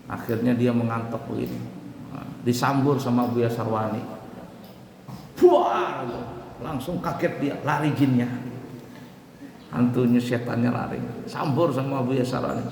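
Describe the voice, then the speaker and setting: A man preaching lively to students, shouting and chanting examples with wide swings in pitch. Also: moderate pace, creaky. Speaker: religious teacher addressing students. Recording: echoey hall with faint room noise.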